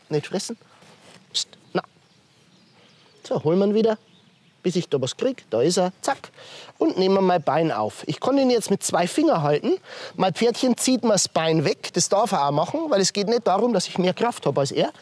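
A man, a horse trainer demonstrating hoof handling step by step, softly praising the horse between explanations. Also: high voice. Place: outdoors with a horse.

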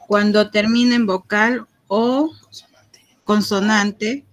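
A woman's voice: mid-range voice, steady tone, takes it slowly, dry recording. A female student on a video call, answering the teacher with recited rules.

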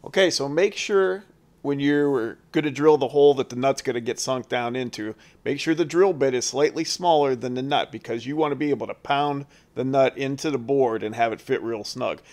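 A man's voice: mid-range voice, normal speed, a little mellow. Regular guy explaining a diy build step by step, laid back and folksy, medium voice. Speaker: chainsaw carver, channel host. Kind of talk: how-to voice-over.

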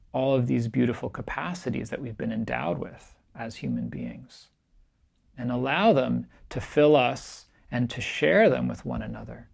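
In a small, bright room, a middle-aged man who teaches meditation delivers a recorded keynote straight to a chest-level camera. His voice is strongly gravelly and sits mid-range for a man, and his manner stays calm and reflective as he softly drives his points home.

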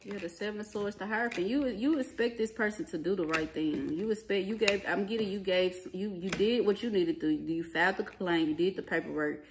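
A tarot reader gives an informal reading at a table in a small indoor living room, talking fairly quickly with few pauses in a medium-pitched voice. Her speech is blunt, profane, emphatic, and slangy. The home recording is clearly noisy, with card clicks audible.

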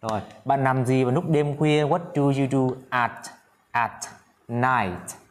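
A man teaching an English lesson in Vietnamese, drilling English phrases slowly and often checking that his students follow. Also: medium pitch. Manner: drills English words slowly, repeats himself, coaxing checks. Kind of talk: classroom-style video lesson.

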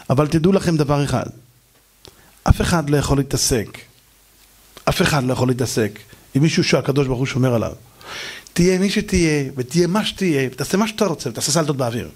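Male rabbi, sermon, high-pitched, animated rhetorical storytelling.

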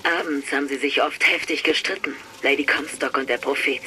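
A bitter ex-kitchen maid turned fugitive. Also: female voice, rumbling low, brisk, background noise. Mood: somber. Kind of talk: game audio diary narration.

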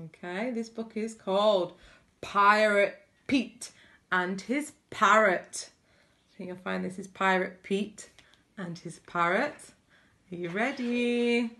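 Very slow woman reading a picture book. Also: medium pitch, bright, forceful tone. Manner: chatty asides between the lines of the story. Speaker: storybook reader.

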